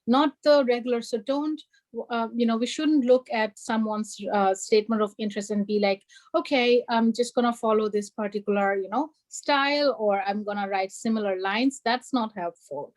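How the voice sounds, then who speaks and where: A woman's voice: a little high, normal speed, poor audio. A young woman raised in Germany, speaking earnestly as an alumna on an online panel, emphatic and full of "you know" and "like". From Bangladesh, raised in Germany.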